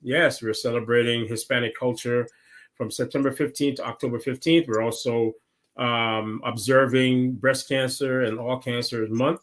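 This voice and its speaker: A city council member from Guyana joins an interview over a remote call, explaining government step by step. He speaks in a measured way at medium pitch with fairly even intonation, using tag questions as he goes.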